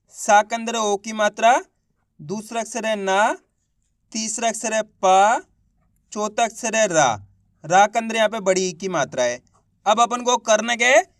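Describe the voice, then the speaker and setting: A man teaching children to read Hindi, sounding out each syllable slowly and then stretching the whole word, and often asking whether it is clear. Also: sits high, fairly bright tone, no echo, clean studio sound. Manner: addresses viewers as friends and asks if it is clear. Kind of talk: slow syllable-by-syllable reading lesson.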